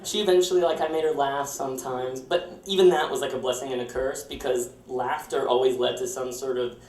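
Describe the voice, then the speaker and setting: A man's voice: mid-range voice, steady tone, a little fast, a little mellow. A young man telling a wry, self-mocking story to a live audience on a storytelling stage. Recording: roomy live stage, heard from far off, audience laughter.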